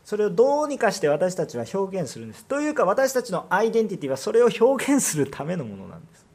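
A man preaching a sermon as pastor, his voice sitting a little high for a man. He presses his points with rhetorical questions and pushes his emphasis upward when a line matters. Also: huge pitch swings, fast, darkish tone.

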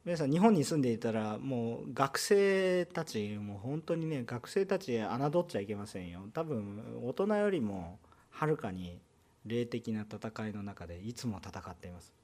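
Lively man preaching a conversational sermon. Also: medium pitch. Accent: Kansai Japanese. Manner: lively, conversational preaching with rhetorical questions and asides. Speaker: pastor. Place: church.

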